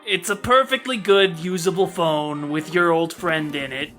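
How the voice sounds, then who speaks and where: A woman's voice: fairly low pitch, normal speed, a bit bright, soft background music. A woman talking casually as a player in an improvised tabletop roleplay.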